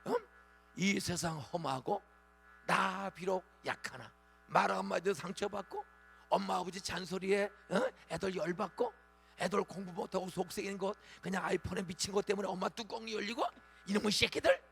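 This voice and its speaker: A man in his sixties, a pastor preaching a dawn revival sermon in a church, with lively call-and-response prompts to the congregation. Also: high voice, moderate pace, creaky, faint music behind. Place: church sanctuary.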